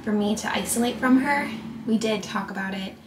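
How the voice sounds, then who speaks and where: A young woman vlogs at home, chatting warmly and caringly into a handheld camera held at arm's length as she moves through the rooms. Her voice is medium in pitch and a little fast, with some background noise in the recording.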